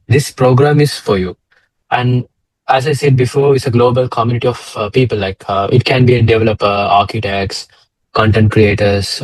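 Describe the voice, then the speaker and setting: A young Sri Lankan man, a data engineer, co-hosts a casual slide talk over a video call. His medium-pitched voice is a little mellow, and he is hesitant, with many fillers and restarts. The recording is dry and rough.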